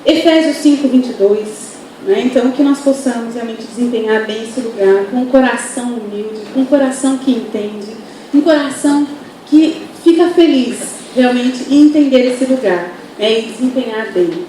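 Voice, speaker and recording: A woman's voice: on the high side, moderate pace, dark tone. A woman with a Brazilian accent giving earnest, conversational teaching at a church family seminar, often asking "né?", recorded from far off in a very echoey hall with faint noise. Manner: earnest, conversational, frequent "né?" tags. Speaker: pastor's wife speaking at a church family seminar. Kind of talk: sermon-style teaching with anecdotes. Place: church auditorium.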